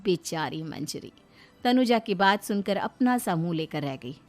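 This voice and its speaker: A woman narrating a family cartoon story in a steady, expressive storybook style. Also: fairly low pitch, a little slow, soft background music.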